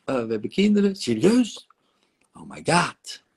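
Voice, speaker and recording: A man's voice: a little high, wildly swooping pitch, gravelly, breathy edge. A man acting as a therapist, leading a guided emotional regression session with soothing, coaxing words and long sighing exclamations. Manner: soothing, coaxing guidance with drawn-out sighs and exclamations.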